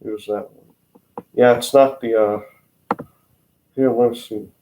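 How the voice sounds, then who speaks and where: A teenage boy from Michigan talks with an Upper Midwest American accent. He hosts a loose, rambling vlog and keeps interrupting himself, filling the gaps with filler words. His pitch sits right in the middle of the range for a young man. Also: fairly even intonation, unhurried, mellow, slight background noise. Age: teens. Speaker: racing channel host. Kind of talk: casual rambling vlog talk.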